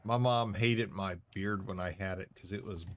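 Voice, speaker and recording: A man's voice: low voice, steady tone, normal speed, no room sound. A man streaming a space game, chatting casually and talking back to the game. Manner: rambling, talks back to the game. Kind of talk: casual chat while playing.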